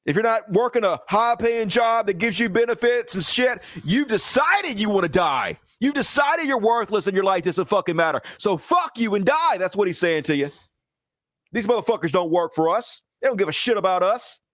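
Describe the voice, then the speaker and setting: Profane political ranter, male, high-pitched, dry close sound. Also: expressive, moderate pace, a bit bright, dry recording. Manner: profane, heated ranting, addresses viewers as folks. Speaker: political commentary host. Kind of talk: angry political commentary.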